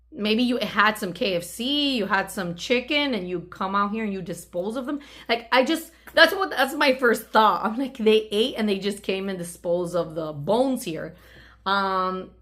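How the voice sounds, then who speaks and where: With an animated, fairly bright voice of medium pitch, a woman hosting her own channel tells a personal story at a measured pace. She keeps it conversational and acts out lines of dialogue.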